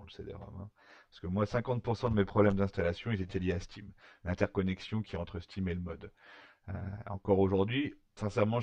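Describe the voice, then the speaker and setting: A man talking through a screen-recorded software tutorial, hesitant, with many fillers and restarts. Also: low-pitched, dry recording, highs cut off. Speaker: tutorial maker.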